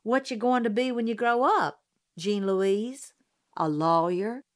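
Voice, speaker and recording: A woman voicing a nosy, teasing Southern society lady with a bright, needling manner. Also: on the high side, lively intonation, normal speed, voice pushed up.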